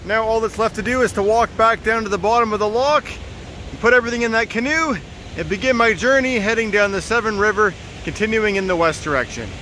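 A man in his thirties talks into a phone held at arm's length while paddling a canoe outdoors on a quiet river. His voice sits a little high, and he explains the route and local history in a steady, calm, tour-guide way. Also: fast, a little hiss or hum. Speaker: solo canoe vlogger. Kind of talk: casual travel narration. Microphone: phone camera at arm's length.

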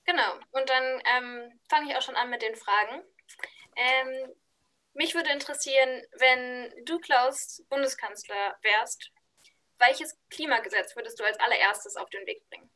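A woman's voice: high-pitched, a little slow, sharp tone. A young woman moderating an online talk on a video call, friendly and easygoing. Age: young adult. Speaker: host, moderator. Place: room at home. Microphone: video call webcam.

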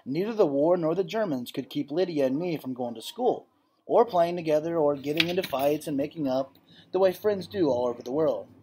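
Reading a storybook to an indoor classroom in teacher fashion, a man in his thirties brings it to life and acts out each line of dialogue. The rough recording, from a webcam or laptop at desk distance, carries slight hiss or hum, and his fairly high, mellow voice is animated and a little fast.

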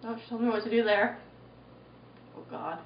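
A woman's voice: mid-range voice, moderate pace, creaky. A young woman bantering casually with wry, sweary remarks, recorded by a camera mic in a room at home. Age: young adult. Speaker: friend having her makeup done. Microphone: camera mic a few feet away. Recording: dull, echoey, distant camera mic, faint noise.

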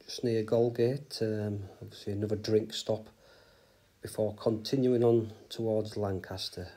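A middle-aged bikepacking vlogger casually narrates his trip while outdoors on a canal towpath, using lots of fillers. His voice is lowish, steady, warm, and husky, his pace unhurried, with faint outdoor noise in the background.

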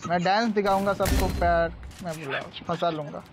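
A man's voice: high-pitched, fairly even intonation, moderate pace. A man streaming a shooter game in casual, chatty commentary, pleading with players and asking viewers to like and subscribe. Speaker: gameplay streamer. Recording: noisy gunfire from the game behind.

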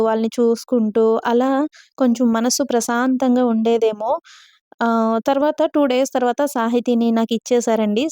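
A woman in her thirties with a Telugu accent talks in a confiding, earnest way, telling her own story for a vlog. Her voice sits a little high and sounds mellow and warm. The recording is dry and close. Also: no room sound. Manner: earnest, confiding, frequent polite "andi". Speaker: vlogger.

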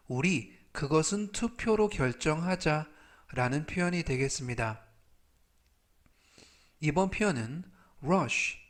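A man with a Korean accent teaching English vocabulary in Korean, repeating each word three times in a slow, deliberate scripted way. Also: fairly high pitch.

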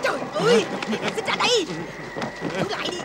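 A woman's voice: very high voice, lively intonation, normal speed. An actress playing a greedy, bossy farmer's wife who scolds and nags her husband. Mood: excited. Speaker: greedy farmer's wife in a folk-tale film. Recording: very noisy old film soundtrack.

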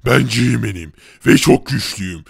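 G-Man, a gravelly mutant villain. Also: animated, dry recording, heavily acted. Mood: menacing. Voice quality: deep gravelly growl. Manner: slow taunting threats. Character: menacing boastful mutant villain, male, huge.

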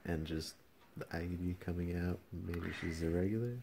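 A young man chats casually in a small room at home. His voice is quite low. It is captured on a handheld phone with a little noise and clicking. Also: steady tone, normal speed, gravelly, warm tone. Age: young adult. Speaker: partner joining a home video. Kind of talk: casual chat. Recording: slightly noisy phone recording with clicks.

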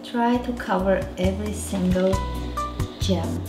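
Loud music plays behind a slow, medium-pitched woman's voice. She is in her thirties, speaks with an Armenian accent, and hosts a home cooking show, teasing her child while showing a recipe in a spacious kitchen full of clinking dishes and cutlery.

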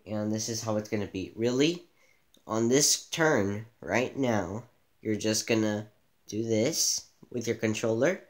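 A man giving a casual gameplay tutorial, relaxed and thinking aloud as he plays in a dim room, filmed by a camera pointed at the TV. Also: on the low side, measured pace, echoey room. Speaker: gaming channel host.

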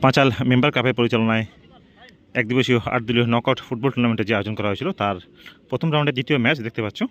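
A man calls a football match at a quick clip. He works as a play-by-play commentator, often repeating names and phrases. His pitch sits in an ordinary middle range for a man. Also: fairly even intonation, a bit bright, lo-fi sound. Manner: repeats team names and phrases while following each shot. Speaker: football commentator and channel host.

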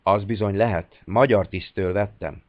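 A man voicing a calm Hungarian captain disguised as a language teacher in an audiobook, measured and unruffled. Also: fairly low pitch, dry recording, narrow, tinny audio, close to an everyday voice.

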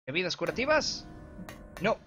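A man giving jokey live commentary while playing a horror game, shouting at enemies and reading game text aloud. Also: high voice, very animated, moderate pace, poor audio. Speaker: let's player streamer. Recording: game music loud behind voice. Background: game music.

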